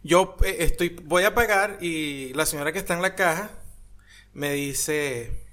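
Bright, joking man. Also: fairly high pitch, measured pace. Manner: animated, joking, slangy. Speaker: podcast co-host and language teacher. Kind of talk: casual podcast chat.

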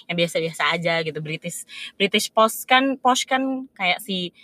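A young Indonesian woman chats casually, telling a travel story and often agreeing. Her voice sits on the low side at a normal speed, with no echo, and her manner is relaxed and agreeable, full of affirmations.

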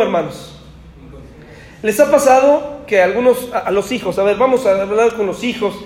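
A man preaches to his congregation in an easy, conversational way and keeps throwing rhetorical questions at them. His voice sits unusually high. The recording rings with a lot of room echo. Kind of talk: sermon.

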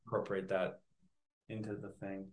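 A man's voice: sits low, level tone, fast talker, darkish tone. Easygoing man in interview. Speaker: actor and YouTuber. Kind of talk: casual interview chat.

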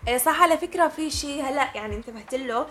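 A woman's voice: high voice, racing, a bit bright, a little hiss or hum. A woman chatting casually and informally as a podcast co-host. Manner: giggly, informal. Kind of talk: casual chat.

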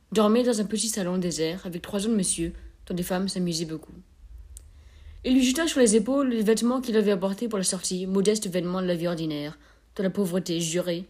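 Brief: female narrator, measured and expressive, classic short story reading. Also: on the low side.

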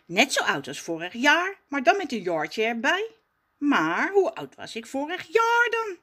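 A woman voicing Raf, an excitable and forgetful young male cousin in a storybook, eager and easily flustered. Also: high voice, voice pushed up, full character voice. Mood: cheerful. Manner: eager, jumpy, quick to fluster. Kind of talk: storybook character voice.

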